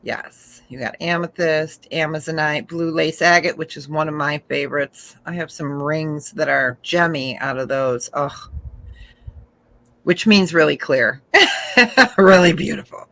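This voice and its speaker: Slow-talking bright-voiced woman auction host. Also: sits low, creaky, no room sound, poor audio. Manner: chatty, describes items slowly, laughs often. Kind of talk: casual live sales chat.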